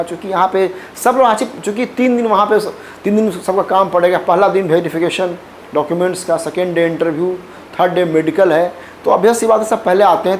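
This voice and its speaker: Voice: mid-range voice, darkish tone, slight background noise. An exam coaching teacher giving a casual spoken announcement to students in a chatty, persuasive way, repeating points and checking in with "okay?".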